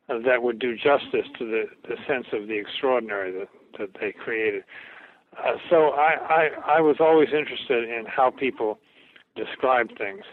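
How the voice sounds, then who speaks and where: An older man, a historian, answering interview questions in a reflective academic way, halting and repeating words as he thinks. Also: medium pitch, dry recording. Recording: tinny phone-like radio recording.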